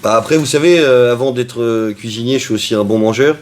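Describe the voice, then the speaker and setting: A man's voice: mid-range voice, fairly quick, noisy background. A man who owns and cooks at a restaurant, answering interview questions in a chatty way with frequent hesitations. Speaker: restaurant owner and cook.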